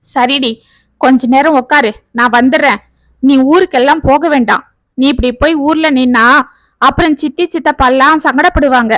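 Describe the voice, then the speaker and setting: A protective elder cousin who fires off concerned questions in a high, lively voice, as a woman storyteller puts her on. The sound is close and dry. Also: normal speed, no echo. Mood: soothing. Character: caring, bustling office-working older sister.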